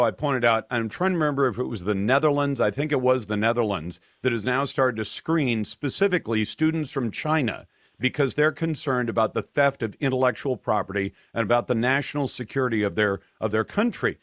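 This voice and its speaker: A man's voice: medium pitch, lively intonation, brisk, fairly bright tone, no room sound. A man hosting a talk radio show, emphatic and argumentative, speaking into a studio microphone. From Taiwan.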